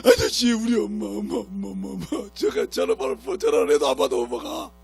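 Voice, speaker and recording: A man voicing a small boy who is crying and pleading for his lost mother, with a gravelly voice. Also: high voice, wildly swooping pitch, brisk, darkish tone, faint music behind, exaggerated voice. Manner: wailing, pleading.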